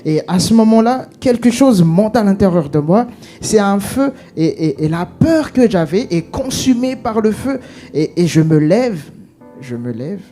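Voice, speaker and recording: A man giving an emotional personal testimony, halting with many restarts and fillers, acting out what was said. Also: sits high, animated, dark tone.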